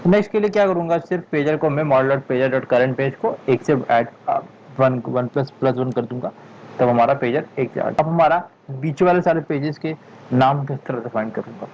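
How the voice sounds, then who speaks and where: A man teaching a coding tutorial at a slow, deliberate pace, thinking aloud and muttering to himself when stuck. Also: mid-range voice, darkish tone, muffled recording, a little hiss or hum. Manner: thinks aloud, frustrated muttering "yaar", frequent "theek hai"; speaks slowly on purpose. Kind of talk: screen-recorded coding tutorial.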